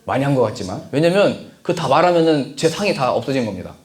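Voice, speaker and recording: A middle-aged male pastor preaching a sermon. He swings between raised, urgent points and soft, low prayerful asides. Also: big pitch swings, fast.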